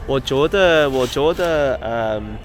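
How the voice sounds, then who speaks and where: A British man in his twenties, a native English speaker, chatting casually as a travel vlogger in halting, foreign-accented beginner Mandarin with simple broken phrases. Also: mid-range voice, expressive, noisy background. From United Kingdom. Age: 20s. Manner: simple broken phrases with repeated searching for words. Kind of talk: casual chat with locals.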